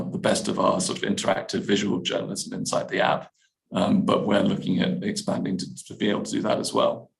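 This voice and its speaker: Low gravelly man, halting answers. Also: poor audio. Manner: hesitant, many restarts and fillers. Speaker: app editor answering questions. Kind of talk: webinar Q&A.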